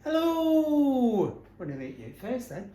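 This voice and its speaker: A man's voice: high-pitched, normal speed. A man co-hosting a cooking demonstration at home, chatting and teasing while he chops. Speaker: cooking show co-host. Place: home kitchen. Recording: echoey kitchen with background noise. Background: chopping sounds.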